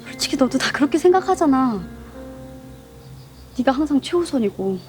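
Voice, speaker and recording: An upset young girlfriend, high and bitter. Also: big pitch swings, normal speed, soft background music. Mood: angry, hurt. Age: young adult. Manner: sharp, accusing, emotional. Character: frustrated young woman, older girlfriend, college senior. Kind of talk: web drama acting.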